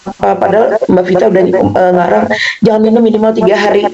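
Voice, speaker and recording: A woman giving a rambling, animated personal testimony to an audience, acting out her own exclamations as she tells it. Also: mid-range voice, brisk, vocal fry. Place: event with a live audience. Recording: muffled recording with crowd noise.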